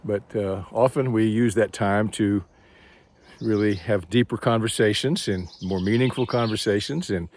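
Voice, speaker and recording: A man's voice: lowish voice, normal speed, a little mellow. A man with a Texan accent, talking casually to his phone while walking outdoors on a trail, rambling and thinking aloud. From Texas. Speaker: vlogger.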